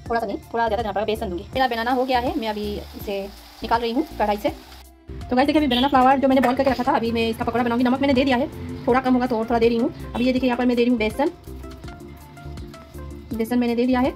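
A woman's voice: fairly high pitch, fairly even intonation, racing, darkish tone, faint music behind. A woman filming a casual home vlog in her kitchen, chatting with her viewers as she works through chores step by step. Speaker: home vlogger.

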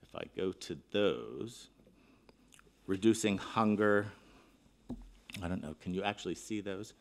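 A man's voice: deep voice, measured pace. Earnest middle-aged man giving a keynote. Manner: earnest, emphatic, with restarts and fillers. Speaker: keynote speaker. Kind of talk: conference keynote talk. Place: conference hall, seated at a panel table.

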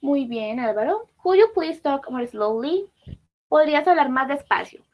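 A woman's voice: high-pitched, expressive, unhurried, a little mellow, rough recording. A woman teacher leading a class, patiently repeating and praising student answers.

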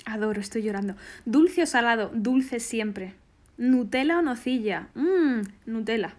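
A woman's voice: on the high side, lively intonation, unhurried, darkish tone. A woman, bubbly and affectionate, casually answering fan questions on a phone live stream. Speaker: singer doing a live stream.

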